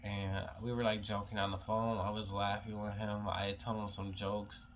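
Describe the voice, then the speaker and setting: Low, flat-voiced young man, emotional. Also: a little hiss or hum. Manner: halting, heavy use of "like" fillers, emotional. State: holding back tears. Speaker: vlogger telling a personal story. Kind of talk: casual storytelling to camera.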